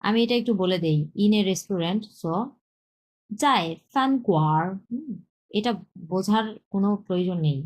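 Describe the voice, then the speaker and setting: A woman teaches a beginner Chinese lesson, repeating words slowly and mixing in English terms. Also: medium pitch, a little mellow, rough recording. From Bangladesh. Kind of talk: slow explanatory lesson with drilled pronunciation.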